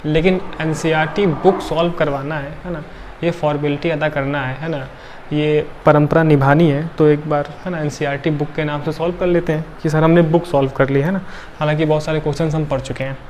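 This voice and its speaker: A man's voice: fairly high pitch, flat delivery, brisk, darkish tone, a little hiss or hum. A male chemistry teacher, tired, lecturing a class and counting carbons aloud with frequent checks like "right?".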